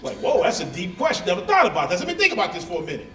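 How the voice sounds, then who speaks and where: Man in his forties, stand-up comic, animated, echoey venue, crowd noise, heard from a distance. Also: high voice, racing, faint music behind. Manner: loud, punchy, crowd-working, with asides like "right?". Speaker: stand-up comedian. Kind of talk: stand-up comedy set. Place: live comedy venue with audience.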